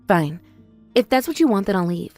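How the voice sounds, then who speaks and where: An actress playing a hurt, loyal young sister in a family drama, speaking in an earnest, emphatic way. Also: female voice, on the high side, sing-song, fairly quick, a little mellow, faint music behind. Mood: resigned. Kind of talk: dramatized family-conflict story dialogue.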